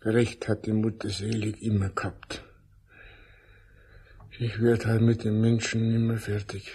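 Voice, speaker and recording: A man's voice: lowish voice, monotone, measured pace, dark tone, slight background noise. A man playing a resigned, sad old puppeteer father in an audio drama, with a southern German accent. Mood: weary, resigned.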